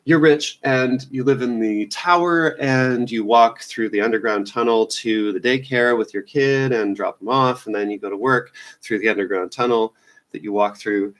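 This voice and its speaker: A man's voice: medium pitch, moderate pace, fairly bright tone. A man hosting a casual news roundup, rambling and offhand, with lots of fillers and restarts. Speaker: news show host.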